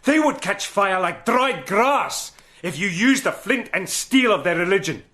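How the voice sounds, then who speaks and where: Like the lead in a radio drama, a cool British agent narrates and argues persuasively in a calm, measured manner. His slightly high voice stays steady and controlled, and the performance is heavily acted.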